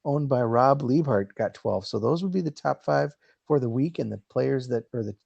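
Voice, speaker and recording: A man's voice: mid-range voice, animated, moderate pace, creaky, a little mellow, slightly rough, dry recording, lo-fi sound. A man hosting a casual soccer podcast, reading out results and introducing a guest in a loose, jokey way. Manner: loose, jokey, a bit crude. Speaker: podcast host.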